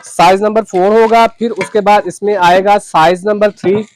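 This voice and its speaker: A man's voice: sits high, steady tone, moderate pace, slight background noise. A man, a shopkeeper chatting casually through a cookware demonstration, adding "ji" to his phrases. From Pakistan. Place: shop.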